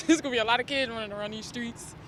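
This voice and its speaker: A man's voice: extremely high pitch, fast talker. A man answering a street interview in a dismissive, slangy way. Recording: street noise behind.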